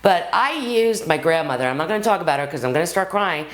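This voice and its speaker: Low, lively-voiced woman acting coach. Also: quick pace. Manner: lively, addresses viewers as "guys", acts out anecdotes. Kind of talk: direct-to-camera acting lesson.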